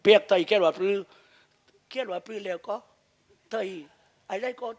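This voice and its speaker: With a Southern Thai accent and a high-pitched, steady voice, a male shadow puppet master spins crude, joking stories at a moderate pace, laughing along the way.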